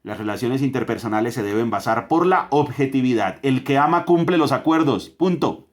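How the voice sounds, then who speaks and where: A man's voice: medium pitch, animated, normal speed. Man, Colombian accent, family Bible teaching, emphatic, rhetorical questions, repeated phrases.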